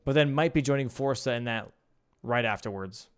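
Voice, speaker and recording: A man's voice: mid-range voice, moderate pace, clean tone. A young man casting a live video game match, calling the play casually and talking to his stream chat. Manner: casual, slangy, chatting with stream chat between calls. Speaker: caster. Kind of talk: live esports play-by-play commentary.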